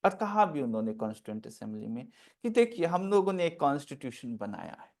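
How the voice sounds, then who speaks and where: A middle-aged man, a former judge teaching law in an unhurried classroom lecture full of anecdotes and questions to the class. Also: on the high side, very animated, a little mellow.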